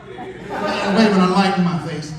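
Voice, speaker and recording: A man's voice: high voice, unhurried. A man telling profane stories at an open mic, acting out the dialogue. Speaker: stand-up comedian. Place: comedy club stage. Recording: echoey hall, distant mic, crowd.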